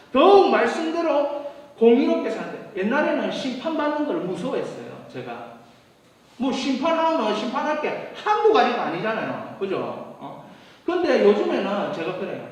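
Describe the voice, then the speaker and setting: A high, lively male voice, preaching in a loose, chatty way that swings between loud bursts and quiet asides. His words ring through a long church reverb, picked up from some distance. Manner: animated, conversational preaching with laughs and asides. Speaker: pastor. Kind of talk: sermon. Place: church sanctuary.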